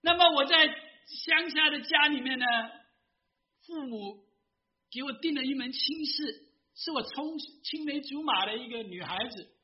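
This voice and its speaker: A man's voice: very high voice, unhurried, highs cut off, pitched above the performer's own voice. A man voicing a guilt-ridden old male general confessing a secret, told within a sermon.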